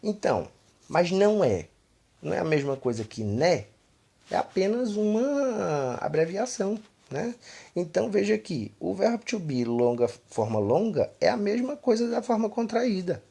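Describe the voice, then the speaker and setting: A man's voice: high voice, very animated, normal speed, vocal fry, dark tone, slightly rough. A man from Pernambuco with a Northeastern Brazilian accent, teaching an online English lesson and filling his explanations with "né" and "tá". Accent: Northeastern Brazilian Portuguese. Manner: explanatory, repeats "né" and "tá" constantly.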